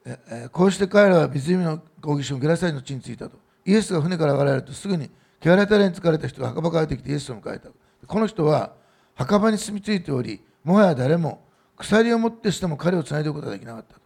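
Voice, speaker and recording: A man's voice: fairly high pitch, expressive, quick pace, gravelly, darkish tone, slightly rough. A middle-aged man giving a sermon as pastor at a church service, in a loose, conversational way with fillers and asides.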